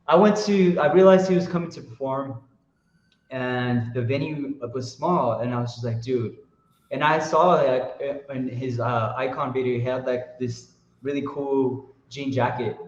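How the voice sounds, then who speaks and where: A man telling a story in loose, slang-heavy talk, full of fillers and bursts of excitement. His voice sits in an ordinary middle register. The sound is roomy and a little dull, like a lo-fi recording in an echoey space. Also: medium pitch. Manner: animated, slangy, lots of fillers. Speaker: guest artist. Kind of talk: casual storytelling interview.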